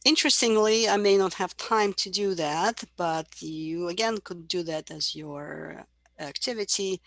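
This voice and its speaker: A woman's voice: on the low side, measured pace, gravelly, no echo. A middle-aged woman giving a university psychology lecture, explaining patiently and imitating baby babble as examples.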